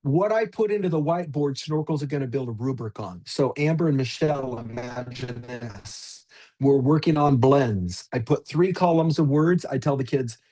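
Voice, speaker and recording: A man's voice: mid-range voice, moderate pace, warm tone. A man leading a live online teacher training, demonstrating a tool in an upbeat, chatty way and addressing attendees by name over a video call. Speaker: workshop presenter.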